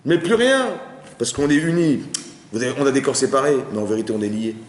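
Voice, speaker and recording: Fast-talking rabbi in an echoey hall. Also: male voice, medium pitch. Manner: lively, conversational, often asks the audience if they follow. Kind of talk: informal Torah class. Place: study hall with audience. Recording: roomy hall with long reverb.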